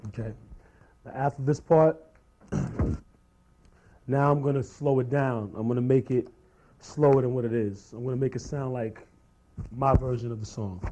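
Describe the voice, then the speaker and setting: A man's voice: mid-range voice, steady tone, normal speed, pauses often, noisy background. A man demonstrating a beat-juggling routine, explaining each step casually while he works the turntables. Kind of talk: step-by-step tutorial over turntables. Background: record scratching and music.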